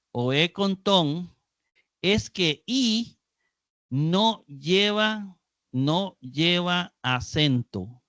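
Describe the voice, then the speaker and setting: A man leads a live online Greek grammar class at an unhurried pace, patiently repeating key terms. His voice sits a little high and sounds dry and close to the mic. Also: fairly bright tone, no echo. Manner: patient, explains slowly and repeats key words. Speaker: Greek teacher.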